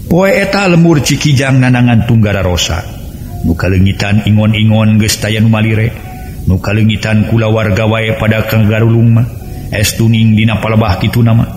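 Narrating an episode of a serial folk tale dramatically, this man has a fairly low, slightly mellow voice and an accent from the Sundanese-speaking region of West Java, Indonesia. Music runs beneath a roomy, echoing recording.

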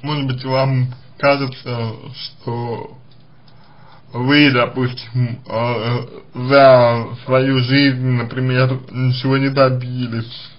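A man answering a listener's question as a psychologist, speaking slowly and haltingly with many hesitations and restarts. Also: mid-range voice, lo-fi sound. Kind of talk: recorded advice monologue.

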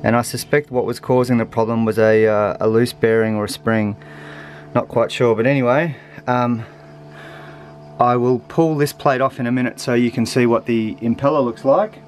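A man's voice: mid-range voice, normal speed. Man casually explaining boat engine repairs. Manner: relaxed, matter-of-fact, hesitant with ums. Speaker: sailing vlogger. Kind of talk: casual how-to narration. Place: aboard a sailboat, engine bay and deck outdoors. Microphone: handheld action camera.

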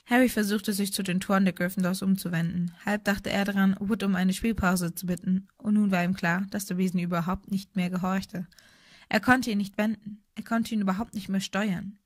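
A woman's voice: medium pitch, brisk, dry recording. Woman narrating a storybook, dry sound. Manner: steady storytelling. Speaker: audiobook narrator. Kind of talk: scripted narration.

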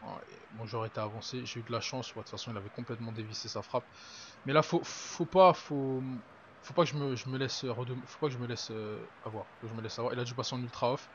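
A young man from France giving live commentary on his own football video game match, excitable, swearing and talking to himself. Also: medium pitch, fast. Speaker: gaming video creator. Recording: dull lo-fi with noise.

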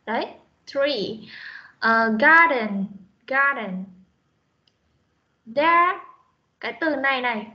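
Woman, English teacher, online class, stern, repeats words slowly, higher voice, muffled call audio. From Vietnam. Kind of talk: online class pronunciation drill. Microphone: video call.

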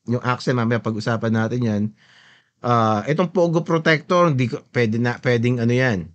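This podcast host has a medium-pitched voice and speaks at normal speed. Playing a video, he chats about it offhandedly, blends Tagalog with English, and keeps asking his audience to agree with a questioning tag.

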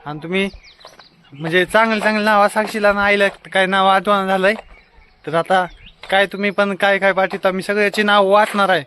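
A man's voice: sits high, a little hiss or hum. Chatty young man vlogging outdoors. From Maharashtra, India. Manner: chatty and repetitive, often calling loudly to his wife. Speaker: family vlogger. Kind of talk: casual vlog talk to viewers. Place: outdoors by a house.

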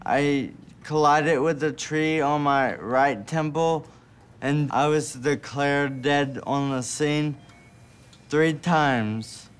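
A man giving slow, deliberate documentary testimony. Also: on the high side, steady tone, clean tone. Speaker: interviewee. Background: guitar music.

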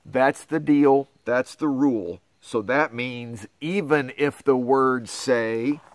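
A middle-aged pastor reads a picture book aloud to schoolchildren, putting on theatrical, exaggerated dismay and astonishment. His medium-pitched voice takes its time, and the recording is dry.

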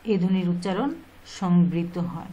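A woman's voice: on the low side, unhurried, dark tone, dull audio. Bangladeshi woman teaching a lesson. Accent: Bangladeshi Bengali. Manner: quizzes herself and answers, repeating key points. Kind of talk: exam-prep lesson.

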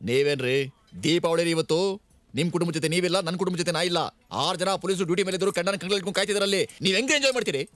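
Brief: stern police officer, mid pitch, brisk and cutting, film soundtrack. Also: male voice, sing-song, no room sound. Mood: sarcastic. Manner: sarcastic, menacing. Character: stern, bitter male police officer, middle-aged.

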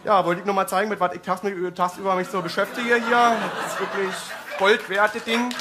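A man's voice: high voice, flat delivery, fairly quick, a loud crowd. A man doing stand-up comedy, brash and mock-grumpy as he banters with the audience. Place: theater stage before audience. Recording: live stage with audience laughter and noise.

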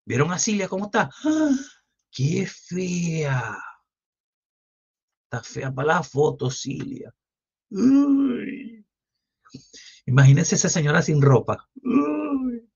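A Venezuelan man with a Venezuelan accent rants on his livestream, crude and mocking as he rambles from one jab to the next. His voice sits on the higher side for a man. The audio is dull and lo-fi, like a muffled stream. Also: lively intonation, a little slow, darkish tone, breathy edge. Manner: foul-mouthed, mocking, loose and rambling. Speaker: livestream host. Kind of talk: crude political livestream rant.

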